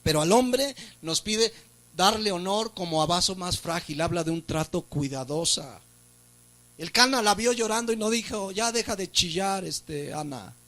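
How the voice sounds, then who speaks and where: A man's voice: high-pitched, animated, moderate pace, fairly bright tone. A man with a Mexican Spanish accent preaching a church sermon as pastor, asking rhetorical questions and rising for emphasis.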